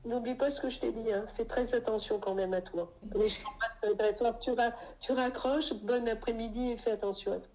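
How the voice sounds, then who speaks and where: A woman's voice: a little high, steady tone, brisk, hardly any pauses, darkish tone, a little hiss or hum, low-quality recording. An older woman from France, a grandmother chatting on the phone, fussy and affectionate and repeating herself. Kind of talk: casual phone chat.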